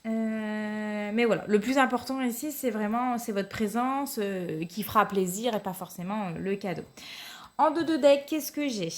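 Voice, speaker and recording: In a darkish, mid-range voice at a moderate pace, a woman who has a cold reads her viewers' weekly cards. The card reader hesitates often, leans on fillers, and repeats "tout simplement."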